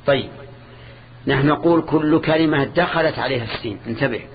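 An older man gives a grammar lesson in a measured, repetitive way, stopping to quiz his students. His voice is pitched in the middle range. It comes through a dull, lo-fi old tape with a faint hiss underneath. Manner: measured, repeats key terms, quizzes students. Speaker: sheikh teaching Arabic grammar. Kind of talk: classroom lesson.

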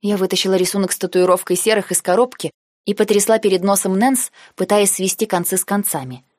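A woman reading a first-person novel aloud in a wry, measured storytelling manner. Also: medium pitch, darkish tone, no echo, studio quality. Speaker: audiobook narrator. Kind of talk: scripted first-person narration.

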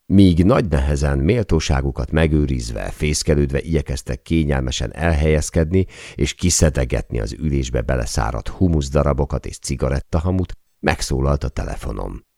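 A man reading a memoir aloud as an audiobook narrator, in steady storytelling delivery. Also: rumbling low, vocal fry, dry recording, clean studio sound. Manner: steady storytelling read, lightly voicing quoted speech.

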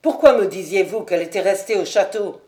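A woman voicing an earnest young nobleman who speaks low and urgently. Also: fairly quick, darkish tone, natural voice.

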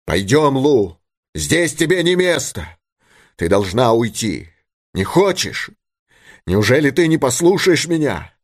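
Stern commanding father, read by a male narrator; raised, forceful pitch. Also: huge pitch swings, normal speed, hardly any pauses, husky, full character voice. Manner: commanding, scolding.

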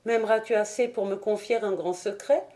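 A woman's voice: medium pitch, fairly even intonation, a little fast, mellow, lightly acted. A woman reading the lines of a playful, coaxing young fairy enchantress in an audiobook. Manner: coaxing, caressing tone.

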